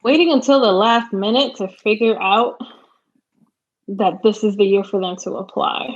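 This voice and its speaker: Woman, premed advisor, mid pitch, hesitant thoughtful talk, dull lo-fi sound. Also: normal speed. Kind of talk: casual chat.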